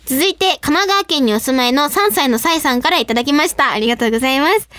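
A woman's voice: high voice, fast, no echo. A young woman from Saitama hosting a radio show, chatting in a bubbly, giggly way and reading out listener mail. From Saitama, Japan. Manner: bubbly, giggly, animated storytelling. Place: radio studio. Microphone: studio microphone.

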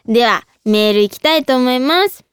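Bubbly high-voiced young woman host. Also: brisk, clean tone, no echo, studio quality. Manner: bubbly, giggly, animated. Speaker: idol radio host. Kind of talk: casual radio talk reading listener mail.

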